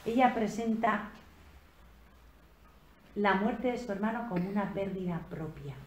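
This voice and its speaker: A woman giving a slow, reflective sermon on a Gospel passage at a retreat, rising in emphasis on key phrases. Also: medium pitch. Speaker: preacher giving a retreat talk. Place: convent retreat room. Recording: echoey room with faint background noise.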